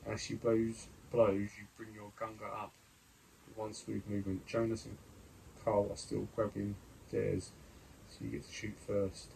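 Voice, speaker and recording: A man's voice: lowish voice, monotone, unhurried, vocal fry, darkish tone, slight background noise, low-quality recording. A man reading an adventure gamebook aloud as he plays, muttering over his dice rolls and choices with hesitant fillers. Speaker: gamebook player and reader.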